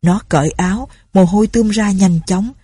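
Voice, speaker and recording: A woman reading an audiobook story in a steady storytelling manner. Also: mid-range voice, normal speed, breathy edge. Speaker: narrator. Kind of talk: audiobook narration.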